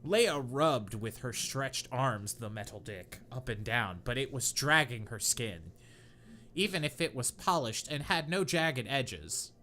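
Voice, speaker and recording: A podcast host reads bad fan fiction aloud for laughs, his medium-pitched voice animated, bright and forceful at a measured pace. He stumbles over the clumsy prose, tosses in incredulous, mocking asides and keeps cracking up. Slight background noise is audible.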